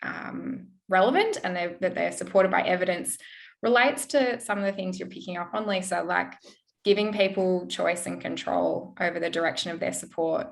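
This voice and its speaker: A woman hosting a webinar interview over a video call, gentle and encouraging in her questions. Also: lowish voice, normal speed, gravelly. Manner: gentle, encouraging, many soft backchannels. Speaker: webinar host.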